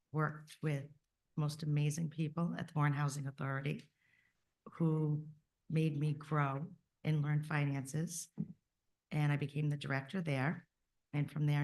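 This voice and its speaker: A woman's voice: low-pitched, a little mellow, rough recording. A woman, answering a town council's questions in a plain, sincere way. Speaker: candidate for a town committee, finance director. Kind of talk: answering questions at a public meeting.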